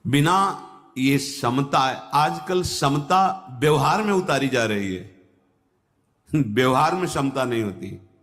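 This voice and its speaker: Slow, calm male spiritual teacher in reverberant hall. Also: mid-range voice. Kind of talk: devotional sermon with recited scripture verses. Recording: long hall reverb, music behind. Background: background music.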